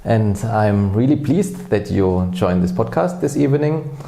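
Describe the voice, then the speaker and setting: A male podcast host asks his guest polite, encouraging questions in a warm, darker voice. The room around him sounds roomy and echoing. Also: lowish voice, lively intonation, a little slow, creaky. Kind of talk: podcast interview hosting. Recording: roomy echo.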